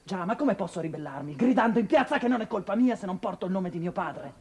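An actor playing a tormented young man in a 1980s TV drama, pleading with his mother, bitter and impassioned, swinging between hushed tones and outbursts. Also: high voice, lively intonation, quick pace, slightly rough, heavily acted.

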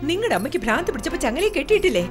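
A woman's voice: high voice, big pitch swings, very fast, over music. An actress playing a defiant middle-aged wife who rebukes her husband in dramatic film dialogue. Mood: scolding. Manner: reproachful, cutting. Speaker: wife and mother.

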